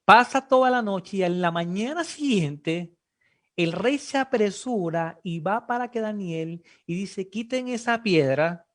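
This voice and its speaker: A preacher delivering a sermon in an animated way, firing rhetorical questions at the congregation and breaking into emphatic exclamations. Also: mid-range voice, measured pace.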